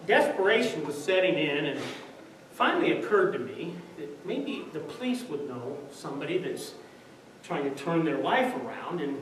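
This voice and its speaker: A man telling a comic story on stage, lively and laughing through his punchlines, recorded from far off in a large room. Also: fairly high pitch. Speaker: comedian. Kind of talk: stand-up storytelling. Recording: echoey hall from far off, noisy.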